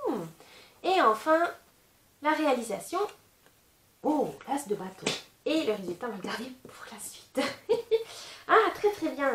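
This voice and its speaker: A woman giving a casual tarot reading, chatty and gently advising, with many fillers. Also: fairly high pitch, reverberant. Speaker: tarot reader.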